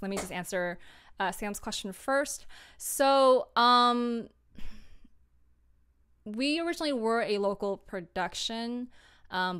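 A young woman who produces audio dramas and livestreams answers viewers casually, scattered and interrupting herself. Her medium-pitched voice is smooth.

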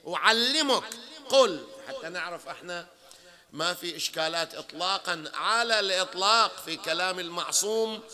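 A man's voice: sits high, animated, moderate pace, bright, forceful tone. A man with a Bahraini Arabic accent giving a religious lecture in a conversational way, often checking in with his listeners and building to emphatic peaks. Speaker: sheikh lecturing at a mourning hall.

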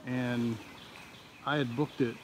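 A man's voice: medium pitch, fairly even intonation, takes it slowly, noisy background. A middle-aged man narrating a road-trip vlog outdoors, chatting to the camera and pointing things out. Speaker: vlogger. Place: outdoors by a river, then a car and a parking lot.

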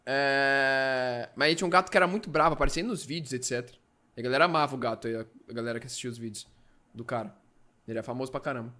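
A man's voice: medium pitch, quick pace, sharp tone. A Brazilian man with a Brazilian Portuguese accent, reacting to memes in casual commentary that is profane and full of jokes. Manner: profane, joking, exclamatory. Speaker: meme reaction host.

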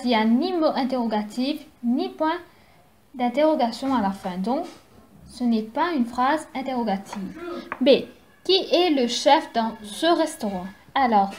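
A woman teacher giving a recorded lesson from home, explaining slowly and carefully to young children. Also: high-pitched, a little hiss or hum. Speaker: primary school teacher.

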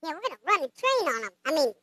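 Super high squeaky blue puppet dude, flirty and cocky, crude jokes, voice bouncing all over, dry close sound. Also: male voice, sing-song, very fast, sharp tone, no echo, full character voice. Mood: chatty, playful. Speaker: live stream host. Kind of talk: comedic puppet live stream.

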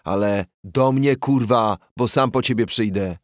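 A man voicing a gruff, worn-out police commissioner in his late forties who barks and curses in angry outbursts. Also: on the low side, a little slow, no echo, studio quality, lightly acted. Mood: furious. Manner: barking, cursing outbursts.

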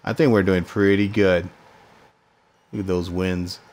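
Casual male gamer, American accent, unhurried and slightly low-pitched, muttering slangy thoughts as he plays. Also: fairly even intonation, a little mellow. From United States. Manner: slangy, thinks aloud in short remarks. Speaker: gamer recording gameplay commentary. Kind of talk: casual gameplay commentary.

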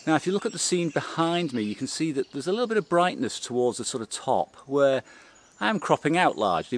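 A middle-aged man talking to camera in a forest, calmly explaining his photography gear step by step. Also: mid-range voice, a little hiss or hum. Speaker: photography vlogger. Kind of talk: casual explanatory talk to camera. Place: outdoors in a green forest.

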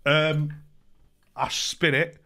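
A young British man streaming from his bedroom, chatting with strangers on video chat in a deadpan, teasing way. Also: fairly high pitch, drawn-out words, creaky. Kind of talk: joking casual chat with strangers.

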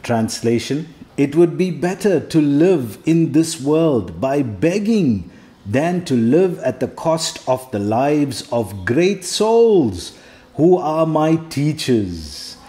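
A man's voice: on the high side, big pitch swings, slow, warm tone. A man teaching a scripture lesson as a devotional lecture, explaining step by step, posing rhetorical questions and checking in with a questioning "hmm?". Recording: echoey room.

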